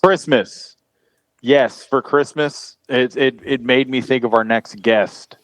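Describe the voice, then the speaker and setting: A man's voice: mid-range voice, slow pace. A man hosting a podcast in casual chat, jokey, playing with mock accents and announcing guests. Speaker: podcast host.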